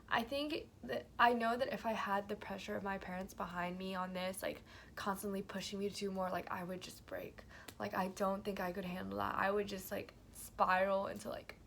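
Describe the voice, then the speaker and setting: A young woman talking in a reflective, casual vlog as a college student. She speaks hesitantly and softly, with many fillers. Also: medium pitch, creaky, a little hiss or hum. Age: young adult. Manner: hesitant and soft-spoken, with frequent fillers.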